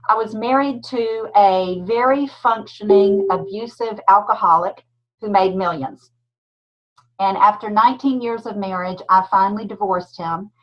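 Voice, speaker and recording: A woman in her fifties with a thick Southern Georgia accent, telling her story as a guest speaker on a video call. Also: medium pitch. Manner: warm storytelling with a thick drawl. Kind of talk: casual talk on a video call. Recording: dull lo-fi call audio.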